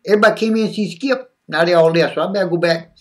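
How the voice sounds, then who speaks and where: A man's voice: high-pitched, rapid-fire, distant mic, lightly acted. A man voicing a zany, boastful male wrestling-fan character who drawls and talks about himself in the third person. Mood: brash.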